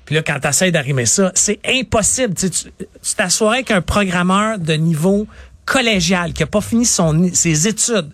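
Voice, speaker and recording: A middle-aged man with a Quebec French accent, an IT consultant explaining things in an animated way on a talk show. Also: high voice, normal speed, no echo. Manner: animated, explanatory, acts out clients in quotes. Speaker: IT consultant guest. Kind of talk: radio talk interview.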